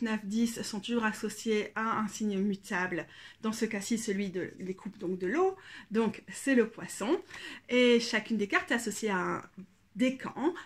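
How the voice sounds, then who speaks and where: A French-speaking woman with a bad cold, chatting casually in a tarot deck review, hesitant with many fillers. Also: fairly high pitch.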